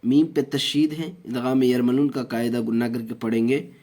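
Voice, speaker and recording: A man teaching Quran recitation step by step, explaining each rule slowly, then chanting the verses long and drawn out. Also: medium pitch, fairly even intonation, mellow.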